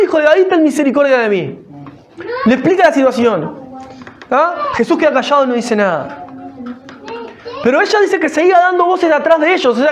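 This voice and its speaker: A man's voice: very high-pitched, fairly bright tone, slight background noise. Pastor, man, chatty sermon delivery that builds up, restarts his phrases often. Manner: conversational preaching, rising to emphatic; frequent self-corrections and restarts.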